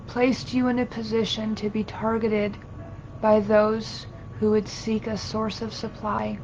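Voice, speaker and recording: A woman channeling as a seance medium, giving a solemn spiritual sermon in formal, archaic, halting phrases as a collective "we". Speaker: trance channeler. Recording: dull lo-fi audio with low rumbling noise.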